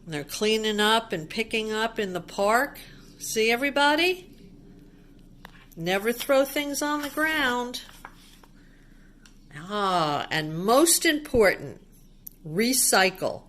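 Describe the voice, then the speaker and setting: Speaking slowly and pausing often, a woman with a slightly high, animated and fairly bright voice reads a picture book to little kids. Her teacherly storytime style uses simple explanations, repeated words and small questions directed at the children.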